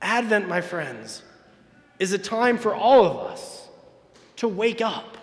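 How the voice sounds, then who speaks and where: A man in his thirties delivers a Sunday homily from the pulpit of a large church, his voice pitched high. He preaches with emphatic pauses and builds his points with sweeping gestures. The sound is caught from a distance, with a long reverb trailing through the church. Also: sing-song. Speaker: parish priest. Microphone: far camera, church sound system.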